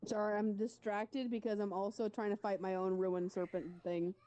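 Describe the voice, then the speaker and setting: Young woman streamer, mellow, teasing, muffled mic with faint music. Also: medium pitch, flat delivery, normal speed, a little hiss or hum. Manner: teasing, distracted. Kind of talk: casual chat while gaming.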